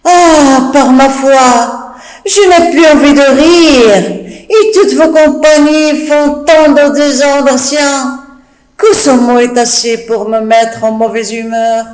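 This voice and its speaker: A teacher reading aloud as a cheeky young maid who keeps laughing, slow and in an echoey room. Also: mid-range voice, completely flat delivery, darkish tone, natural voice. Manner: giggling, cheeky. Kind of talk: classroom reading of a classic comedy.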